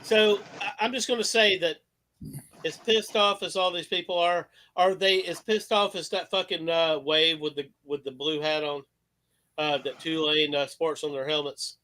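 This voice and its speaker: A man in his fifties hosts a loose sports chat with a sharp, bright voice that sits fairly high. He rambles, swears freely and pushes his opinions hard. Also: steady tone, normal speed, low-quality recording. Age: 50s. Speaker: host.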